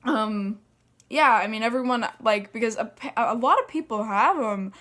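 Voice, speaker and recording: A young woman tells a story in a casual, rambling way. She swears often and leans on fillers. Her voice sits a little high. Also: moderate pace, fairly bright tone. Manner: chatty, profane, full of fillers. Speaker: vlogger.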